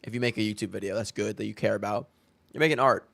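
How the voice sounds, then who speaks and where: A man's voice: lowish voice, steady tone, fast, creaky, a bit bright. Young man, live streamer, chatty reaction commentary, casual and loose.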